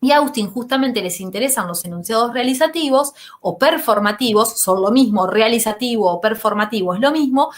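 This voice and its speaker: A woman's voice: a little high, lively intonation, fairly quick, hardly any pauses. A woman teacher giving a recorded lecture, explaining step by step and often checking in with "¿sí?".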